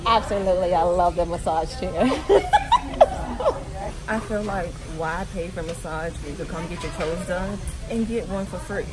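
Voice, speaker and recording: A beauty vlogger in her twenties chats candidly to her phone camera held at arm's length, laughing often, in her living room at home and at a nail salon. Her voice is fairly low and moderately paced, heard over loud music.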